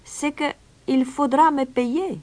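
A woman voicing a calm, sly young male stranger who plays the pipe, speaking softly and slowly in a storybook reading. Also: high voice, voice pushed up. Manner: calm, soft, drawn-out.

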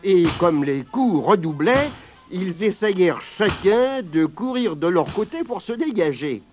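A man reading a children's story aloud in an expressive, animated way. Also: sits high, unhurried, faint music behind.

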